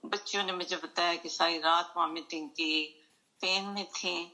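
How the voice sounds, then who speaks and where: A woman's voice: fairly low pitch, fairly even intonation, bright, forceful tone, poor audio. A middle-aged woman oncologist speaking earnestly in a remembrance talk, mixing English phrases into her speech.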